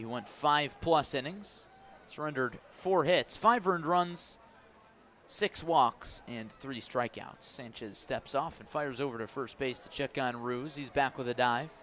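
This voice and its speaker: The speaker is a male play-by-play announcer with a mid-range, slightly bright voice, describing a live baseball game for radio from an outdoor ballpark. He gets louder on the action, and ambient outdoor noise is audible in the background.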